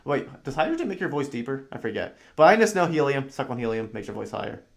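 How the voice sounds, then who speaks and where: A man hosts a live stream and comments casually on a video he is watching. He rambles and thinks out loud, with frequent ums and uhs. His voice sits at an ordinary middle pitch. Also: big pitch swings, fast talker, creaky. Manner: rambling, many fillers, thinks aloud. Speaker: podcast host reacting to a video.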